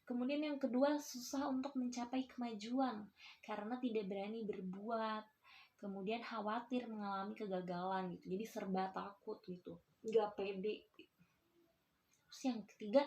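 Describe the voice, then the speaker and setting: A woman's voice: mid-range voice, steady tone, moderate pace, a little mellow. A young woman, a university student, giving a casual lesson and talking to her pupils as their teacher, with a chatty, explanatory manner and lots of filler tags. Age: young adult.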